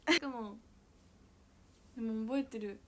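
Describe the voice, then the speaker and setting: A young woman with a high, bright voice and a chats casually with viewers on her livestream. She is bubbly and giggly, and she talks loudly. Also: a little slow. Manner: giggly, bubbly, frequent laughter; self-describedly loud voice. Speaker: idol livestreamer. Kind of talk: casual chat reading viewer comments.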